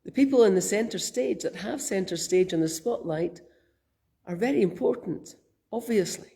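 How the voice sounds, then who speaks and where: A Scottish minister, a woman, talks gently and conversationally, her mellow mid-range voice made rough and croaky by a summer cold. Speaking at a normal speed but taking her time, she muses aloud as if giving a quiet, reflective sermon.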